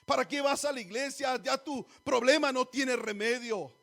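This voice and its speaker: A man's voice: extremely high pitch, normal speed, gravelly, fairly bright tone, faint music behind. A man preaching a sermon in church, exhorting the congregation, often calling them brothers and asking them rhetorical questions. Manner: exhorting, often calls listeners "hermanos", asks rhetorical questions.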